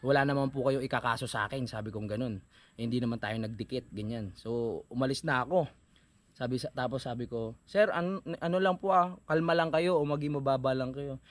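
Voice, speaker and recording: A man's voice: medium pitch, brisk, no room sound. A young adult man tells a casual vlog story and slips into a mock-preachy tone, speaking to viewers as if to a congregation. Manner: mock-preachy, addresses viewers as "mga kapanalig". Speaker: vlogger.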